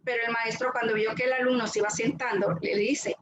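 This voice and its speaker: A woman's voice: fairly high pitch, fairly even intonation, a little fast, very noisy. Earnest woman speaker, echoey room. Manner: earnest, repeats words while searching for them. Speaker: retreat speaker giving a talk. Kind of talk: faith testimony talk.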